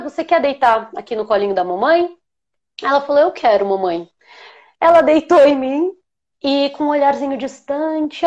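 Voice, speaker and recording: A woman with a Brazilian Portuguese accent, an aromatherapist hosting a live chat, talking in an animated, emotional way. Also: high-pitched, highs cut off. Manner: animated, emotional, laughs while telling. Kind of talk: casual live chat storytelling.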